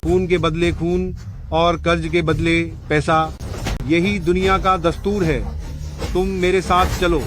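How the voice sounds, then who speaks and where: A man's voice: fairly high pitch, little pitch movement, slow pace, over music. A man voicing a crude, bullying gambling-den thug who taunts and threatens. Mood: menacing. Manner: menacing, taunting. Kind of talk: Hindi-dubbed drama.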